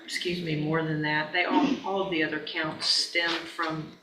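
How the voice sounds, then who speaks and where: A man, an attorney with a slightly high voice, addresses the judge in a courtroom. His pitch moves little. He is picked up from a distance amid loud noise. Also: flat delivery, moderate pace. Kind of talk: informal legal argument in courtroom. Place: courtroom, away from the mic. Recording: distant, echoey, very noisy courtroom audio.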